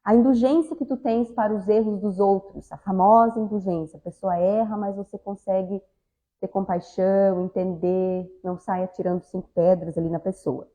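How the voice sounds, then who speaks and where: This woman from southern Brazil lectures at a spiritist center, giving a conversational talk and often speaking straight to the audience. Her mid-range voice is steady and warm at a moderate pace, though the recording is rough.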